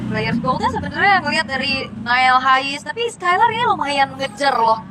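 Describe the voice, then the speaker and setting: A woman's voice: sits high, very animated, moderate pace, noisy background. A woman working as an esports caster, commentating on a match. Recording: loud game music and crowd behind.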